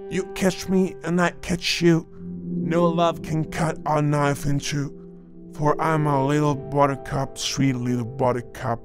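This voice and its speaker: A man voicing a malfunctioning robot who chants silly nonsense rhymes in a slow singsong. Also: a little high, fairly even intonation, over music. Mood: giddy singsong.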